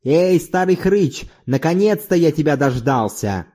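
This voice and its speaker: A hulking young village brute from a storybook, snarling and thirsting for revenge, as a male reader puts him on. The threats come out raised and lively, swinging all over, with a dark, mellow tone underneath. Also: fairly high pitch, measured pace, pitched above the performer's own voice. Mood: furious.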